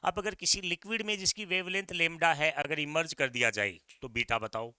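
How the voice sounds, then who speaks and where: A middle-aged Indian man teaching exam physics in a very bright, crisp voice. He is energetic, hammers the key points again and again, and talks straight to his students. The sound is dry, with no room around it. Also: a little high, moderate pace, no echo. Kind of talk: exam-prep physics lecture.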